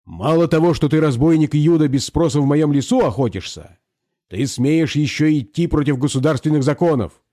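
A man's voice: a little high, normal speed, warm tone, dry recording, clean studio sound, natural voice. A man voicing a pompous provincial landowner who lectures and scolds a peasant with indignant moralizing. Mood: scolding.

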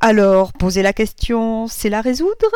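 A woman's voice: fairly high pitch, lively intonation, unhurried, a little mellow, smooth, no echo, pitched above the performer's own voice. A woman voicing a pompous, awkward middle-aged male doctor, raising her voice to deliver his lines emphatically. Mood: emphatic.

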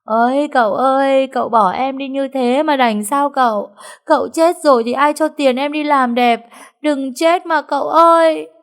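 Casting: woman doing a loud, overwrought young maid, pitched high and wailing. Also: normal speed. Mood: frantic wailing.

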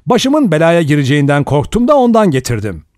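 A sardonic, quick-tongued adventurer in a storybook reading, as a male narrator puts him on, his voice lifted higher than the narrator's. He talks in lively, mocking jabs, recorded close and dry. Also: dry recording.

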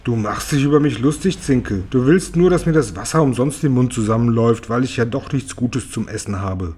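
A man voicing a greedy, cruel elderly aunt with a husky voice in a storybook reading, ordering people around scornfully. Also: mid-range voice, a little fast, darkish tone, close to an everyday voice. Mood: scornful bossy. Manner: scornful, commanding.

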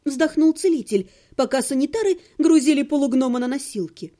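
A woman's voice: high voice, animated, fairly quick, dark tone. A woman reading a humorous fantasy audiobook in the first person, with a wry, ironic manner. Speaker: audiobook narrator.

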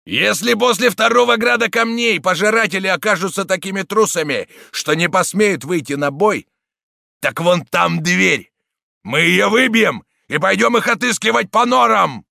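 Guy doing a huge thundering stonebreaker, gravelly, yelling orders. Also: sits high, normal speed, no room sound, clean studio sound, pitched above the performer's own voice, exaggerated voice. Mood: roaring. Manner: thundering, bellowing commands. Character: huge roaring brutal male stonebreaker, mob leader.

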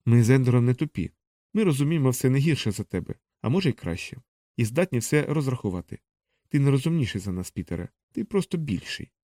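A man reading as a clever young girl who calmly and firmly stands up to her brother. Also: medium pitch, fast talker, no echo, lightly acted. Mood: defiant.

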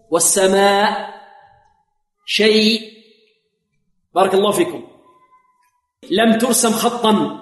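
High-voiced man teaching in an echoey hall. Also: fairly bright tone. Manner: asks students questions and answers them himself, often repeating "may God bless you"; slows down to model words in recitation. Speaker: Quran recitation teacher. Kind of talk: recorded lesson explaining Quran reading rules.

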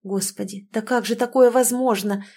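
Woman reading as young granddaughter, emotional, eager, loving, mellow voice, audiobook. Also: fairly high pitch, fairly even intonation, moderate pace. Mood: anxious.

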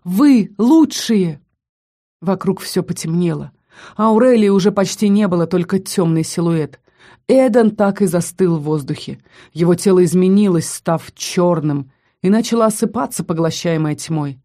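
A woman narrating a fantasy audiobook in an expressive, dramatic reading style that slows for tense lines. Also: fairly low pitch.

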